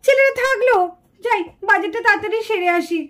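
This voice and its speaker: A woman's voice: extremely high pitch, a little fast, fairly bright tone. A woman voicing a busy young neighbor mother in a puppet show, chatty and in a hurry.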